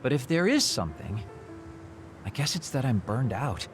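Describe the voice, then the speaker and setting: In a video game cutscene, an actor plays a teasing, burned-out immortal man two thousand years old who is playful yet hollow inside. His natural, medium-pitched voice is sing-song at a moderate pace, sounding weary and hollow. Music plays behind him.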